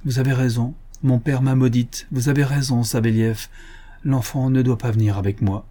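A man voicing a tearful, pleading young woman in an audiobook, reading her lines softly. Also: mid-range voice, steady tone, moderate pace, lightly acted. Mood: sorrowful.

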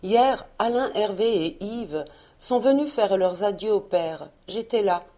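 A woman voicing a brave, gentle young peasant woman who speaks earnestly and pleadingly. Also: mid-range voice, a little slow, close to an everyday voice.

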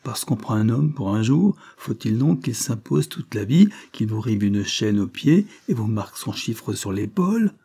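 A male audiobook narrator voices a defiant young woman prisoner in full character, her furious lines bursting out emphatic and impassioned, pitched up and loud. He keeps his mellow, slightly husky tone, reading expressively at a moderate pace with few pauses.

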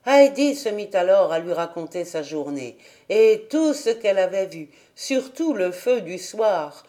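Lectrice lente à la voix douce. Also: female voice, mid-range voice, very animated, measured pace, dark tone. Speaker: audiobook reader. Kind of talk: storybook narration.

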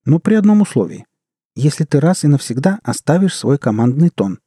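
Guy raising his voice into a firm young woman, quiet but firm, high and husky. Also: sing-song, fairly quick, no echo, clean studio sound. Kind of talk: audiobook character reading.

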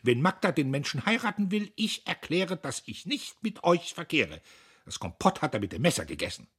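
A man doing a shrill, spiteful young woman. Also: big pitch swings, moderate pace, husky, exaggerated voice. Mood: scornful. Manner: sharp and indignant.

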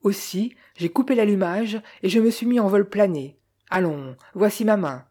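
A woman doing a male aviator in an audiobook, rattled yet polite. He hurries his words out of breath, in a warm, mellow voice. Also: mid-range voice, normal speed, slightly rough, natural voice. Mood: urgent, shaken.

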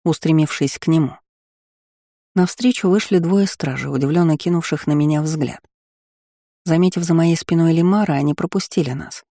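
Mellow-voiced male audiobook narrator. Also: a little high, dry recording, studio quality. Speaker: audiobook reader. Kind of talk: scripted narration.

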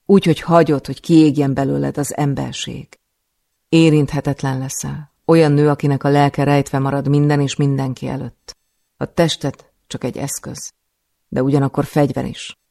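A man voicing a stern, cold woman caretaker who gives curt orders in a gravelly voice. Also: mid-range voice, little pitch movement, dark tone, no echo, clean studio sound, natural voice. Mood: grimly encouraging.

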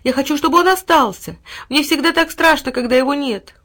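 A woman voicing a frightened little girl who pleads in a high voice. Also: brisk, a bit bright. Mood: pleading. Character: frightened little girl, begging to keep the dog.

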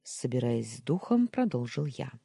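Slow husky audiobook reader, dark tone, dry close sound. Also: mid-range voice, very animated, no room sound. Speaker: audiobook narrator. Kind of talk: first-person story narration.

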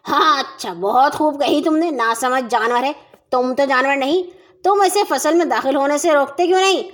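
A woman voicing a grumpy, hot-tempered male farmer in a children's story, grumbling and then shouting in anger. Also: on the high side. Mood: angry. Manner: grumbling, bursts into angry shouting.

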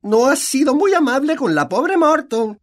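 A man's voice: very high voice, sing-song, normal speed, voice pushed up. A man voicing a sly, taunting poltergeist. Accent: Latin American Spanish. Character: mischievous spiteful little male poltergeist.

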